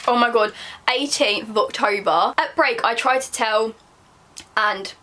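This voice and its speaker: A woman's voice: on the high side, unhurried, bright, forceful tone, a little hiss or hum. A young woman with a southern English accent reads her diary aloud casually, embarrassed and self-mocking, breaking off for chatty asides. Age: young adult. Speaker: vlogger.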